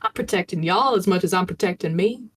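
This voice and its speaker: A woman voicing a calm, folksy Southern woman survivor in a put-on Southern accent, talking guards down. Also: fairly low pitch, quick pace, slightly rough. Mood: coaxing. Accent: fake Southern US.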